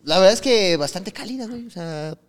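Co-hosting a podcast, a young Mexican-accented man spins a slangy, casual story, voicing the quotes of the people involved. He speaks a little fast in a high, animated voice with a big-room sound.

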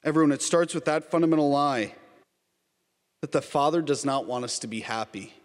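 A man's voice: fairly high pitch, fairly quick. A man preaching an earnest Lent sermon, calling his listeners "everyone" again and again. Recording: long reverb, as in a church.

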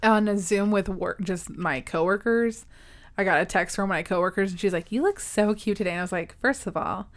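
A woman's voice: medium pitch, fairly quick. A young woman co-hosting a podcast, chatting casually with a giggly, teasing manner. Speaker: podcast co-host. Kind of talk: casual chat.

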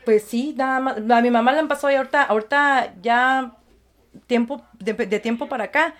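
A woman, a guest recounting her experiences and acting out the voices of others in lively conversation. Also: fairly high pitch, brisk. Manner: animated, acts out quoted voices, laughs easily. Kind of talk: storytelling in conversation.

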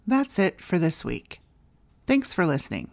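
A woman with a somewhat low voice presents a solo advice podcast. She reads from a script in a tidy, instructional manner. Her guidance comes as short, clear directives. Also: huge pitch swings, a little slow. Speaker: podcast host.

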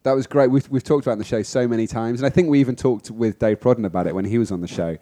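A man co-hosting a surf podcast, chatting casually, self-deprecating and quick to laugh. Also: mid-range voice, warm tone. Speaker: podcast co-host. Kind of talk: casual chat.

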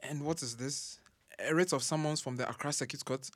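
A man's voice: medium pitch, brisk, dry recording, studio quality, lightly acted. An actor playing a middle-aged professor and doctor, a proud father who is shaken and defensive after losing his son.

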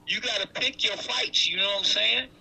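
A man's voice: high-pitched, normal speed, vocal fry, crowd noise, low-quality recording. A man in his sixties, a regular on a casual podcast, talking loosely and emphatically over a video call. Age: 60s. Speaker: co-host.

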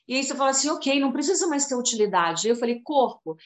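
A woman in her fifties with a slightly high, expressive voice tells a personal story quickly, in a loose, emotional, rambling way, often calling her listener by name. It's a casual conversation about healing and spirituality, and the sound is roomy.

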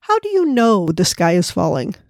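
A woman voicing a brawny male goose in a storybook reading, asking calm, sensible questions. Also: fairly low pitch, normal speed, no room sound, clean studio sound. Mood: questioning.

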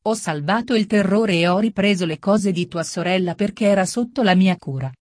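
A woman voicing a calm, stubborn gentleman in a storybook reading, with a steady manner. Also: medium pitch, fairly quick, dry recording, studio quality, natural voice. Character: calm, stubborn gentleman highwayman, adult man.

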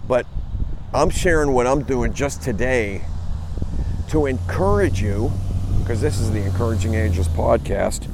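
A man records his podcast on a phone instead of in a studio. He speaks at an ordinary pitch and rambles, stopping and restarting often. Wind and passing vehicles are clearly heard throughout the recording. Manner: rambling, halting with frequent fillers and restarts. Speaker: podcast host. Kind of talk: casual spoken monologue.

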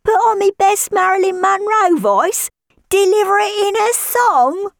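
A woman's voice: very high-pitched, measured pace, dry recording. A woman playing a nosy neighbour. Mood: gossipy. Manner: chatty, gossipy, dry deadpan asides. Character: nosy gossiping married woman spying on neighbour. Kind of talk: comic character monologue.

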